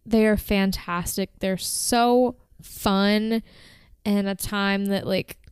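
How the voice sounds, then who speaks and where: Smooth-voiced woman podcast co-host, dry sound. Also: medium pitch, fairly even intonation, slow pace, no room sound. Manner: chatty, filler-heavy, enthusiastic about bands. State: slightly hoarse from talking. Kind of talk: casual music podcast chat.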